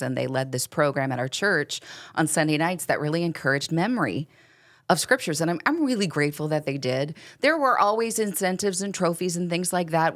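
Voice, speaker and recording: A woman's voice: sits low, a bit bright. A middle-aged woman co-hosting a casual faith podcast, chatting in a playful, teasing and sarcastic way. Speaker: podcast co-host.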